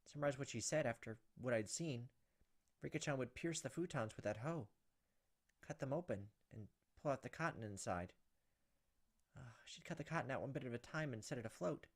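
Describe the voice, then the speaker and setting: This let's player has a medium-pitched, brisk voice. He performs a visual novel dramatically, voicing the characters' lines with expressive storytelling while game music plays.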